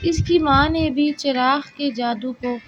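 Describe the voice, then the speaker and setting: A woman with a high-pitched voice reads a scripted children's story slowly. The narration sounds slightly dull and lo-fi, with soft music playing in the background.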